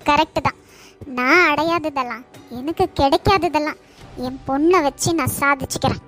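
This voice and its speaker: A woman's voice: high voice, moderate pace, a bit bright. A woman voicing a bitter, spiteful middle-aged sister-in-law in a cartoon, with a cutting, taunting manner. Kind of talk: cartoon voice acting. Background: faint background music.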